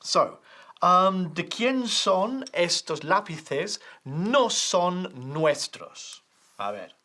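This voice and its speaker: An English teacher speaking very slowly and with a lively, moving pitch. They patiently model each sound and repeat short drills again and again so the learner can copy them. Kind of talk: bilingual language lesson.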